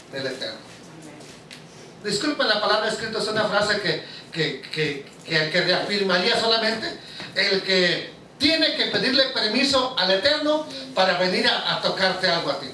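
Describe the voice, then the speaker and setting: A man preaching in a very high, bright voice that rings with emphasis. He keeps firing questions at his congregation. The sound is echoey and distant, as if caught from across a church hall. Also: a little hiss or hum. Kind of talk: sermon to a congregation. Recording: echoey room, mic far off.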